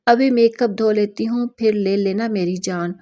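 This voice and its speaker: A woman voicing a playful, chatty young bride who teases her new husband, lifting her voice higher and louder than her narration. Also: natural voice. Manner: teasing and lively, turning pleading.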